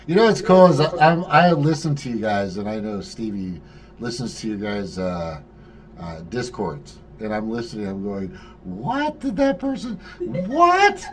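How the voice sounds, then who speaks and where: A man hosting an open group chat show, talking in a rambling, animated way with lots of swearing and restarts. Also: on the low side, normal speed, a crowd in the background. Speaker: podcast host.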